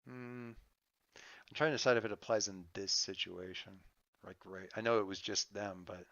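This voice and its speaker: Bright, halting male game master. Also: fairly low pitch, steady tone, vocal fry, no echo, lo-fi sound. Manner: halting, thinking aloud. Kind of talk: improvised tabletop game narration, casual.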